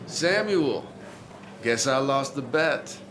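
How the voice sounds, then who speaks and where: A man's voice: mid-range voice, animated, slow, fairly bright tone, slight background noise. A man voicing a sarcastic, needling IT worker in a video game.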